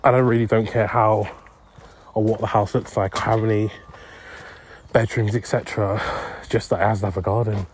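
A man's voice: lowish voice, level tone, normal speed, slight background noise. A young man rambling through a casual solo podcast while out walking, distracted and self-deprecating. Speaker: podcast host. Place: outdoors on a street.

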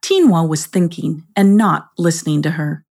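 A woman reads a children's storybook slowly and gently, in a lowish voice. Her tone is husky and breathy with a gravelly edge. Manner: slow, gentle reading. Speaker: narrator. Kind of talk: scripted storybook narration.

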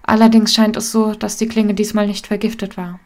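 A woman's voice: medium pitch, flat delivery, fairly quick, a little mellow, lightly acted. A woman reading the concerned, careful lines of a male elf warrior.

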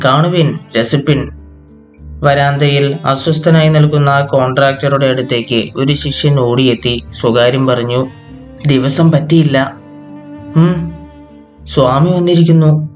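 Man narrating an audiobook, slightly high. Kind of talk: scripted literary narration.

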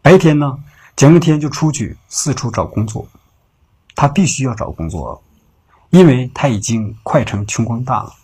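A man narrating a late-night story in an unhurried, conversational way. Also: mid-range voice, lively intonation, warm tone. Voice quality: very husky. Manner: unhurried, conversational telling with filler particles.

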